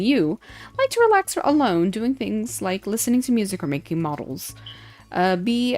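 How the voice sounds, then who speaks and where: A woman's voice: medium pitch, a little mellow. A woman streamer reading quiz questions aloud in casual chat, playful and mock-indignant, swearing casually.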